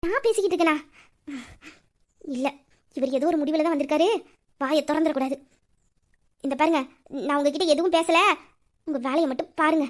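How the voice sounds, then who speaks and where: A woman playing a feisty, high-voiced office girl. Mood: irritated. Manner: quick, sharp and exasperated. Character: feisty young female office worker. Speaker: young female office staffer. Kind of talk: Tamil audio drama acting.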